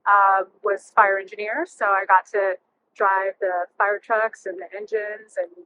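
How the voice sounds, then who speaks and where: This woman, in her thirties, grew up speaking Russian near Chernobyl before moving to California as a child; today a realtor and ex-firefighter, she tells personal stories casually as an interview guest. Her medium pitch barely moves, and she talks a little slowly with a bright, forceful tone. The recording is rough, with slight background noise.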